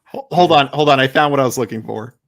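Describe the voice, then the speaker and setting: A man's voice: mid-range voice, fast, creaky, a bit bright. A man hosting a casual podcast chat with friends. He rambles, cracks jokes and steers the talk. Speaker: podcast host.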